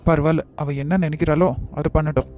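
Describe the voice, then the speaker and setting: A man voicing an anxious, sulky young groom-to-be in a cartoon, speaking in quick, hurt complaints. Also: a little high, flat delivery, warm tone, soft background music, natural voice. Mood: upset. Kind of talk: cartoon voice acting.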